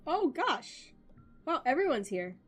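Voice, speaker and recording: A woman streaming a game, chatting casually with viewers, excitable and chatty with quick reactions. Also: high voice, soft background music. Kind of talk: casual live-stream chat.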